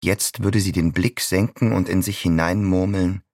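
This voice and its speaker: A man's voice: low voice, fairly even intonation, moderate pace, darkish tone, dry recording, studio quality. An actor in his twenties playing a bitter 26-year-old son stuck in his childhood room, in a sardonic, brooding inner monologue. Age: 20s.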